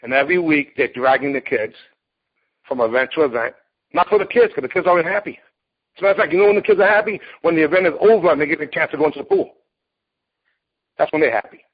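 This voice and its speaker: A man in his late forties, a martial arts competitor and teacher, lectures bluntly and emphatically while telling his story in an interview. His slightly high voice is husky with a rough edge, lively in intonation, fast, and often paused. The recording is dull and lo-fi, missing its top end.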